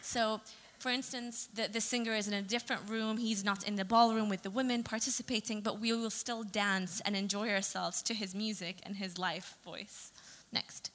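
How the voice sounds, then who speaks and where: A woman's voice: medium pitch, fairly even intonation, moderate pace, hardly any pauses, fairly bright tone. A young adult woman, a photographer from Saudi Arabia, giving a chatty presentation talk with fillers and self-corrections. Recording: long reverb of a hall.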